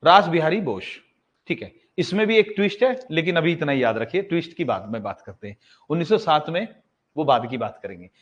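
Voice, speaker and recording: A man's voice: on the high side, sing-song, a little fast. A male teacher giving an exam-prep history lesson in a casual way. He asks a question, answers it himself and repeats the key facts. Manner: casual, addresses students as bhai. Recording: slightly dull lo-fi sound.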